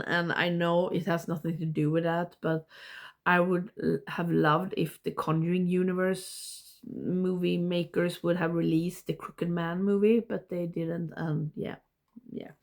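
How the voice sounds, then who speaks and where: A woman with a blocked nose giving a casual video review, rambling and haltingly, often interrupting herself. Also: lowish voice, fairly even intonation. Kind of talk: casual ranking review to camera.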